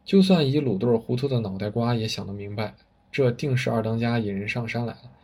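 A man's voice: mid-range voice, brisk, darkish tone, slightly rough. A man telling a story with vivid, dramatic narration. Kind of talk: spoken storytelling.

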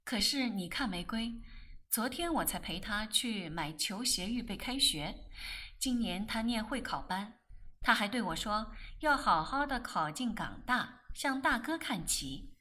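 A woman voicing a calm, thoughtful grown man who speaks in a low-key, measured, sighing way. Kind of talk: audiobook character voice.

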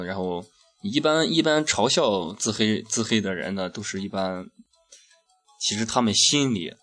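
A man's voice: lowish voice, fairly bright tone. A man hosting a radio show in a casual, irreverent chat full of crude slang. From Shaanxi, China. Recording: music behind the voice. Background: background music.

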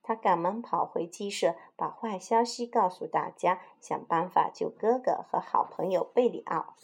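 A woman reading a children's picture-book story aloud in a lively, expressive way. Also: on the low side, vocal fry.

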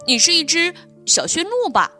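A woman's voice: very high-pitched, big pitch swings, normal speed, pushed and bright, faint music behind, voice pushed up, heavily acted. A woman voicing a friendly, brave little male polar bear cub who talks eagerly and reassuringly in a bedtime storybook.

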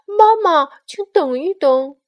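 A woman voicing an excited, emotional little bear cub in a bedtime story, calling out loudly and insistently. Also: high-pitched, slow pace. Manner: shouting, insistent.

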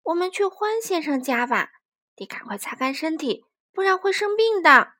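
A helpful big-brother fox calling out with urgent, raised energy, as a woman plays him. His voice sits high and swings widely, a caring older friend in a storybook. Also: big pitch swings, moderate pace, bright, forceful tone, exaggerated voice. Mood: concerned.

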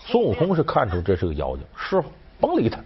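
A man's voice: mid-range voice, huge pitch swings, quick pace, crowd noise. A man hosting a storytelling commentary, chatty and rhetorical, acting out the characters. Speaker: host. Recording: dull sound with faint music.

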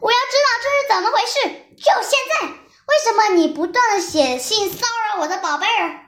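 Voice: very high-pitched, expressive, a bit bright, echoey room, pitched above the performer's own voice. A child voicing a protective, angry mother sheep who scolds and demands answers. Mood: furious. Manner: scolding, fast and insistent.

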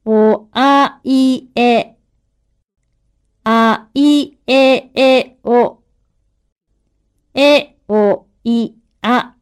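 A woman reading pronunciation drills for language learners, enunciating each syllable clearly. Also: on the high side, fairly even intonation, extremely slow, long pauses. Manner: clear, careful enunciation of single syllables and words. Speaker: pronunciation model speaker.

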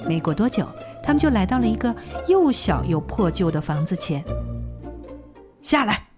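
A woman narrating a children's story with a lively, expressive reading. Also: medium pitch, fairly quick. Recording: narration over clear music.

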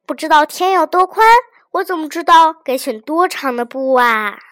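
A woman voicing a clever young daughter-in-law who speaks gently and outwits an official. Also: sits high, lively intonation, a little hiss or hum, pitched above the performer's own voice. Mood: sly. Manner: gentle, quick-witted, soft-spoken.

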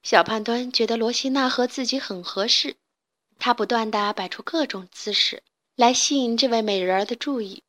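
Bright-voiced woman reading a storybook. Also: on the high side, normal speed. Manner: lively, expressive reading. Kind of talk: children's storybook narration.

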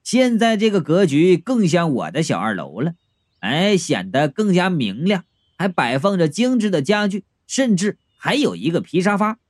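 Lively male storyteller, high and animated. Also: moderate pace, no echo, studio quality. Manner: lively, expressive, playful asides. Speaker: audiobook narrator. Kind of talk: first-person comic storytelling.

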